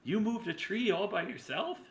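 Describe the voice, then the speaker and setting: A man's voice: sits high, lively intonation, moderate pace, a little hiss or hum, voice pushed up. A man voicing a tiny, wide-eyed, pixie-like onlooker in a tabletop game. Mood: amazed. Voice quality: tiny, little voice. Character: tiny curious pixie-like onlooker at a tavern bar.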